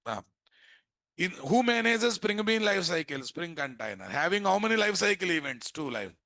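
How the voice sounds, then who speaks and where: This programming instructor with an Indian accent has a high, gravelly voice that sounds pushed and bright, and he is very animated while keeping a moderate pace. Lecturing students, he repeatedly poses questions and often answers them on his own, recorded with no room sound.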